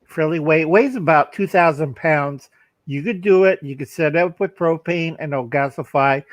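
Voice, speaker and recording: A man's voice: on the high side, dry recording. Blunt folksy man on a dry call. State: coughing. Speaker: livestream co-host. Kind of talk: casual livestream chat.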